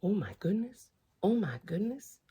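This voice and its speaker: Reading a picture book to young children at the library, a woman speaks at a moderate pace in a medium-pitched, slightly rough voice. She performs it theatrically and expressively, with chatty asides along the way.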